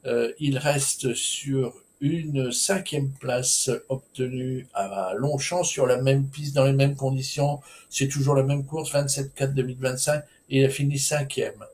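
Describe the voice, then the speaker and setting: A man walks through the runners of a horse race at a slow, unhurried pace. His delivery is hesitant and informal, full of filler sounds, restarts and casual asides. His voice sits at an ordinary middle pitch. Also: steady tone, a little mellow. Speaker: horse racing tipster. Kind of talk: solo racing preview commentary.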